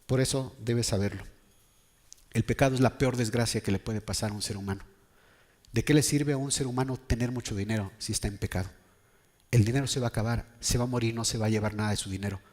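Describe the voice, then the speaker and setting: A man preaching a Sunday sermon, emphatic and full of rhetorical questions, swelling into loud bursts. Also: medium pitch, steady tone, fast talker. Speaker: pastor. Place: church hall. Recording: long church reverb.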